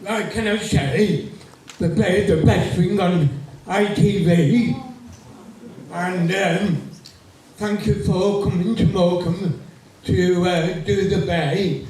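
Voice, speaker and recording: Slow, high-voiced audience man, echoing. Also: steady tone, darkish tone. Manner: slow, halting, earnest. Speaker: audience member. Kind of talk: audience comment. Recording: very echoey hall from far off.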